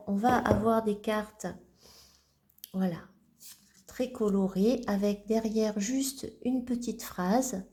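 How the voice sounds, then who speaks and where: A woman vlogger casually showing her card decks, talking gently and haltingly with many restarts. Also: medium pitch. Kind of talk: casual show-and-tell vlog.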